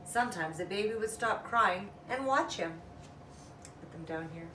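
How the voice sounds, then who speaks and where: Reading a children's tale expressively, she lingers on the sound words and adds casual asides in a sharp-toned, medium-pitched voice with lively intonation and a moderate pace. The room echoes, the mic is far away, and there's faint background noise.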